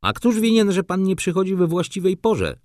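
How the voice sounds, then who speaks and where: A man voicing a hot-tempered, indignant young male student who rants and shouts in an audiobook reading. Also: on the low side, very animated, normal speed, dry recording, studio quality. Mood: shouting. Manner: shouting, ranting, exclaiming.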